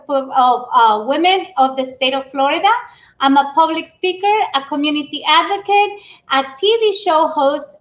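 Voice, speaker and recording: High-pitched lady from ecuador giving a business talk on a livestream, lively, echoey room. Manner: energetic, warm greetings to the audience, spoken with restarts. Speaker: public speaker.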